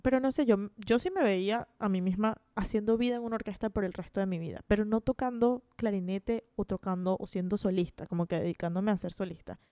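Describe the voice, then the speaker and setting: Venezuelan girl in her 20s podcasting, warm soft tone, dry sound, restarts a lot. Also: mid-range voice, fairly quick, hardly any pauses, clean tone, no echo. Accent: Venezuelan Spanish. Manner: chatty, self-deprecating, frequent restarts and laughs. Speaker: podcast host. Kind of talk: casual monologue.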